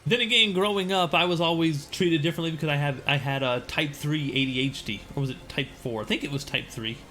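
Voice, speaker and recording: A man's voice: a little high, fairly quick, bright, forceful tone. A man streaming a game and chatting casually, rambling with frequent restarts. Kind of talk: casual chat while gaming.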